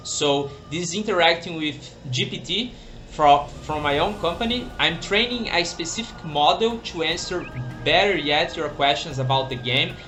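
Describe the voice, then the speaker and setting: A man with a high-side, pushed and bright voice presents a screen-recorded demo as a game developer and server owner. He often restarts his sentences while searching for words.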